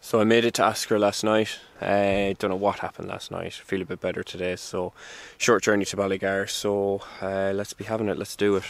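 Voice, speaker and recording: Low flat-voiced man vlogging outdoors. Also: a little fast, creaky, hardly any pauses. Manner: rambling, many fillers and restarts, candid. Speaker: hiker vlogger. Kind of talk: casual walking vlog to camera. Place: outdoors on a rural trail. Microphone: handheld camera at arm's length.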